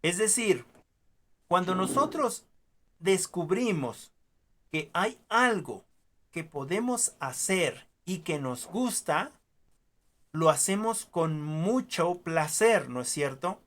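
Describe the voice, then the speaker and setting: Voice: mid-range voice, animated, slow, a bit bright. A teacher gives an online class, explaining through stories and examples, with many filler sounds and questioning tags.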